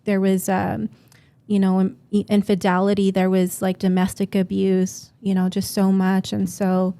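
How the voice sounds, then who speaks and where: A chatty woman guest tells a story on a podcast, acting out the quotes as she goes. Her voice sits at a middle pitch and moves along at a casual, talkative pace. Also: a little slow, clear, resonant tone. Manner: chatty, animated storyteller who acts out quotes.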